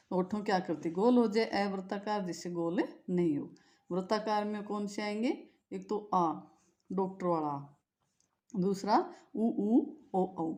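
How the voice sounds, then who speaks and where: A woman's voice: medium pitch, a little mellow. A woman teaching a grammar lesson, repeating each point and asking questions she answers herself. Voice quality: patient, asks a question then answers it herself. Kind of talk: classroom-style lesson with repetition and questions.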